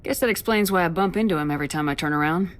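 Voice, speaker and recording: A woman's voice: on the low side, racing, natural voice. An actress playing a confident, direct female military commander in a video game, cool and terse.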